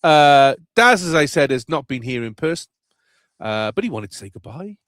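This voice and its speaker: A man's voice: fairly high pitch, sing-song, normal speed, a bit bright, no room sound. A man hosting a casual football podcast, rambling and chatty with lots of fillers. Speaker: podcast host.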